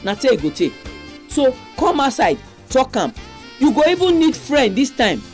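A woman's voice: sits high, very animated, normal speed. Nigerian woman hosting radio, music behind. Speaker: radio program host. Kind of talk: radio presenting and exhortation.

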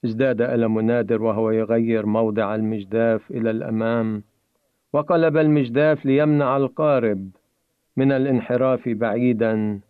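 A man's voice: medium pitch, smooth, no echo. Man narrating a story over a tinny line. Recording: tinny phone-like dry recording.

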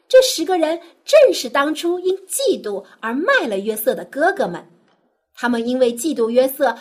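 A young woman narrating a children's Bible story, gently and expressively, as a storyteller speaking to a child. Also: high-pitched.

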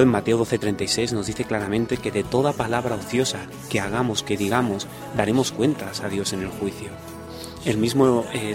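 Man teaching the Bible. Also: mid-range voice. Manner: explanatory, quotes scripture, addresses listeners with "fijaros". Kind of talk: Bible study radio talk.

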